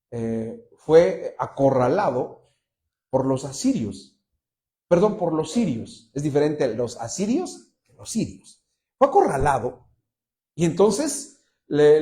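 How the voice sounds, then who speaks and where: A man with a Mexican accent preaching a sermon from a church pulpit, telling stories in an animated way and acting out quotes. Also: a little high. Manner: animated storyteller, acts out quotes. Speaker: pastor.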